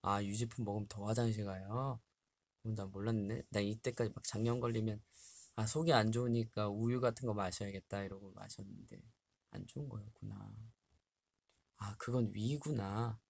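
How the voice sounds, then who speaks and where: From a small bare room, a young man in his twenties livestreams a casual chat with fans, laughing often as he reads health tips aloud. His gravelly, darkish voice sits on the low side, with fairly even intonation and a moderate pace. The webcam at desk distance gives a dry recording.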